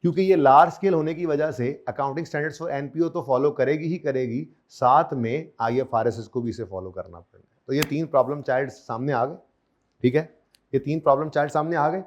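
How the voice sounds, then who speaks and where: A man's voice: on the high side, moderate pace, highs cut off. A man lecturing on accounting to a class, repeating key terms over and over and quizzing his students. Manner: drills terms by repetition, asks students questions.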